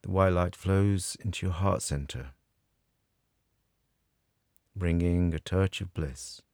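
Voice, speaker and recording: A man guiding a scripted meditation in a soothing, measured way with long pauses. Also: low voice, vocal fry, a little mellow, no echo, clean studio sound. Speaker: meditation guide. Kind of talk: guided meditation narration, scripted.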